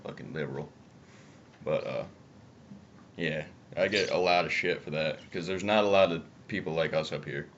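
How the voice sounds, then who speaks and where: A man's voice: rumbling low, moderate pace, a bit bright. A young man chats casually and bluntly, swearing, with chewing tobacco in his lip. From upstate New York, United States. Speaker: video co-host. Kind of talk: casual political chat. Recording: muffled, noisy amateur video audio.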